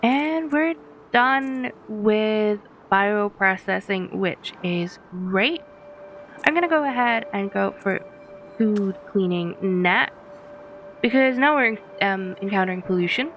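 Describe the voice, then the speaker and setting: Let's play host, woman, mid-pitched, casual and chatty, thinking aloud and laughing at puns. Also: expressive, takes it slowly, a bit bright, muffled recording, a little hiss or hum. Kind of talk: casual gameplay commentary.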